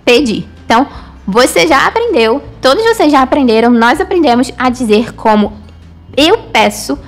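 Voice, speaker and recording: A woman's voice: sits high, animated, normal speed. A woman teaching an online language lesson, patiently repeating and explaining each example. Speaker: Hebrew teacher.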